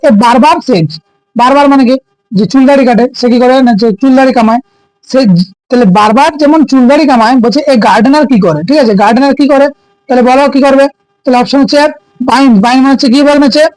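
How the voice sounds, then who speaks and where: Male teacher, high voice, dry close sound, keeps checking students follow. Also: fast, a little mellow, no echo, poor audio. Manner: keeps asking students "ঠিক আছে?"; explains by asking and answering his own questions. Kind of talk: exam-prep lesson.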